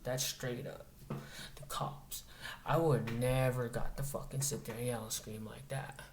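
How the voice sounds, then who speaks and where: A man's voice: medium pitch, steady tone, unhurried. A man from Montana telling a story in a casual monologue. He talks bluntly, swears often and stresses his points. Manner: blunt, profane, emphatic. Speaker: vlogger. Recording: echoey room, faint noise.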